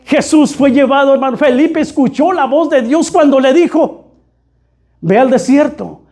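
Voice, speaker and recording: A man's voice: extremely high pitch, fairly even intonation, moderate pace, a little mellow. A man preaching a fervent sermon, constantly calling his listeners brother. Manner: fervent, repeatedly addressing "hermano".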